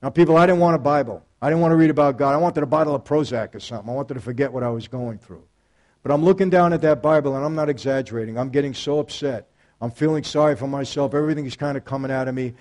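A man giving a faith testimony, storytelling emphatically and speaking straight to his audience, swinging between hushed and loud. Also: medium pitch, fast. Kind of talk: personal testimony talk.

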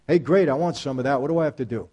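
A man giving a faith testimony, storytelling emphatically and speaking straight to his audience, swinging between hushed and loud. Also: medium pitch, very fast. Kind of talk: personal testimony talk.

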